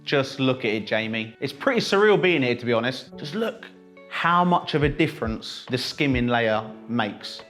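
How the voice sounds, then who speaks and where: A man's voice: medium pitch, lively intonation, moderate pace, fairly bright tone, soft background music. A British man hosting a casual vlog tour of a building under renovation, talking in an enthusiastic, jokey, exclamatory way. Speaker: vlog host.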